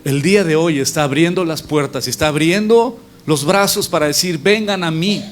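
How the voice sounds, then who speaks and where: A man preaching in a relaxed, joking way, telling a parable to his congregation. His voice sits a little high. Faint music plays behind him. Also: brisk. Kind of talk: sermon storytelling.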